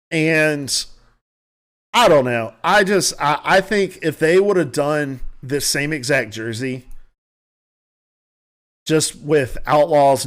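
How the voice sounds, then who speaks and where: Chatty man with a country accent. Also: a little high. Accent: Southern US country. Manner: rambling, self-correcting, opinionated. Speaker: podcast host. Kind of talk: casual solo commentary.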